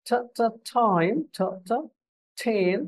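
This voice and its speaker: A woman's voice: mid-range voice, very slow. A woman teaching pronunciation, drilling each sound and word one by one, switching between Bengali explanation and English examples. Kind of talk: pronunciation lesson.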